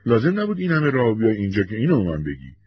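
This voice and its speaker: A man's voice: on the low side, huge pitch swings, breathy edge, dull audio, voice pushed up, full character voice. A man voicing a blunt but kindly male friend in a storybook reading. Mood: easygoing. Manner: blunt, easygoing.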